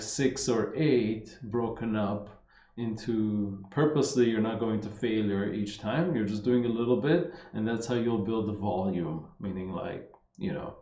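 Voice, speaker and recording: A fitness coach in his thirties from Los Angeles, with a slight Armenian accent, rambles casually through viewer questions on a live stream, full of fillers and restarts. His voice is on the low side with a dark tone. He's in an indoor room using a wired earphone mic, and the live-stream audio sounds dull and echoey.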